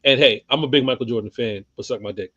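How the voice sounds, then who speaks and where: Fast and sharp-toned, this mid-range male voice belongs to a sports podcast co-host who is profane, blunt, and quick to laugh in casual sports chat. The audio has no echo but sounds lo-fi.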